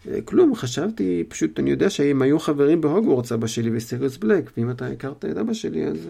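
A man's voice: fairly high pitch, animated, creaky, dark tone, husky, voice pushed up, heavily acted. A man voicing an earnest, stubborn teenage boy wizard in a spoken storybook reading. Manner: earnest, eager pleading.

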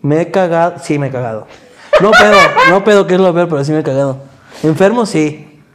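A man's voice: fairly high pitch, very noisy. Easygoing Mexican man chatting. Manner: easygoing, quick with backchannels. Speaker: podcast co-host. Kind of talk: casual chat.

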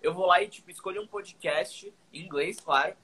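A man from Brazil chatting casually as a podcast host, relaxed and full of filler words. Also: high-pitched, brisk, a little hiss or hum. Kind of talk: casual chat.

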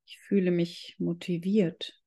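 A yoga instructor guiding a meditation in calm, measured, drawn-out phrases. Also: mid-range voice. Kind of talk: slow guided yoga meditation.

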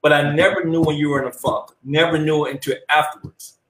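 A man's voice: fairly high pitch, fairly even intonation, fairly bright tone. Teasing man in an echoey room. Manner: teasing, laughs while telling, drawn-out delivery. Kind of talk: casual chat.

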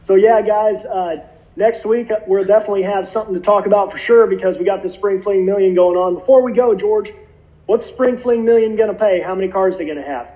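High-voiced easygoing man, lo-fi. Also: brisk. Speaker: co-host of a racing livestream. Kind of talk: casual livestream chat. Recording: dull lo-fi sound.

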